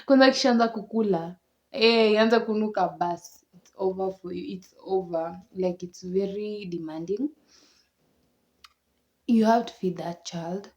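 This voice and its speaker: Chatty Kenyan woman, dark muffled voice. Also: fairly low pitch. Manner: chatty, laughs often, repeats words for emphasis. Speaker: vlogger. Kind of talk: casual chat. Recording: dull lo-fi recording.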